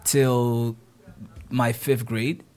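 Young man from the Netherlands, interview guest; easygoing, halting delivery. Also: medium pitch. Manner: relaxed, hesitant with many restarts. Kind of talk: casual interview.

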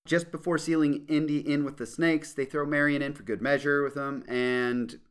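A man co-hosting a casual legal podcast, relaxed and joking as he retells a film's scenes. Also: fairly high pitch, normal speed, clean tone. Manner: relaxed, joking, laughs often. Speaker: podcast co-host.

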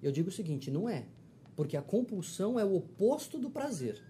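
A man's voice: sits high, sing-song, fairly quick, dark tone, slight background noise. A man in a casual chat who explains his ideas eagerly, repeating points for emphasis. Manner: explains ideas with enthusiasm and repetition.

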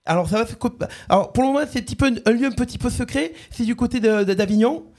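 A radio host doing a prank call, voicing a bumbling corporate communications manager who stammers and repeats himself. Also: male voice, very high voice, fast, a little mellow. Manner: stammering, hesitant, repeats words.

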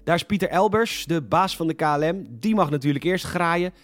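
A man hosting a scripted satirical news show, delivering sarcastic, mock-indignant commentary that sometimes bursts into shouting. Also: fairly high pitch, brisk.

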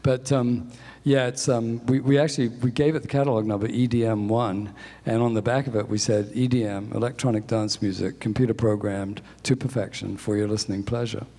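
A man's voice: medium pitch, fairly even intonation, a little fast, dark tone, big-room sound. A man in his sixties, born in England and raised in New Zealand, talking about his career in a chatty, self-deprecating way as an interview guest. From born in England, grew up in New Zealand. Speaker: guest, music industry executive. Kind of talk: conversational interview.

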